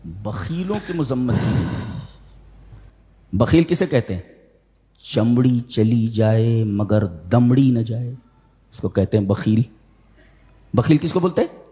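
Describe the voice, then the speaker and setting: A man delivering a sermon in a hall with a long, ringing echo. His voice sits at an ordinary pitch but swings widely, climbing steeply whenever he drives a point home. He slows right down to recite scripture. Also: expressive, dark tone. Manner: emphatic storytelling, pitch climbing sharply when stressing a point. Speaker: Islamic scholar and preacher.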